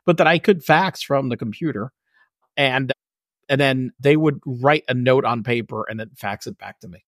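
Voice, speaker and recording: A man's voice: medium pitch, normal speed, no room sound, studio quality. A man co-hosting a casual podcast chat, joking and teasing in an offhand way. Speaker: podcast co-host.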